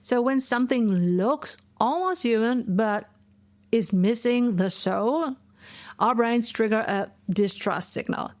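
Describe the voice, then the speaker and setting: A woman's voice: fairly high pitch, slow, a little mellow, dry recording. A woman in her forties hosting a solo podcast from her home office, explaining her points in a lecturing way and often adding "right?". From Asia. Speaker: podcast host.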